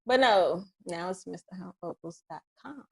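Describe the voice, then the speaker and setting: A woman with a slightly low voice and co-hosts a podcast in relaxed conversation. She speaks softly and easily, but she pushes back quickly when she disagrees. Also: vocal fry, husky. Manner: relaxed, soft-spoken, quick to push back. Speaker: podcast co-host. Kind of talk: casual chat.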